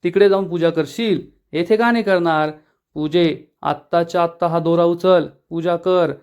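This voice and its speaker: A man's voice: a little high, steady tone, normal speed, a little mellow, clear, resonant tone, natural voice. A man reading a scolding young wife. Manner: scolding, commanding. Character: angry scheming young wife, sharp-tongued woman.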